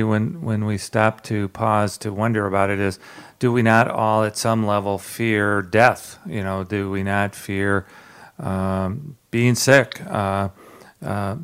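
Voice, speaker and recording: Gravelly-voiced man hosting a radio show. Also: on the low side. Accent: Southern US. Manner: relaxed, many "uh" fillers, jokes about his southern drawl. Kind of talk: casual radio talk.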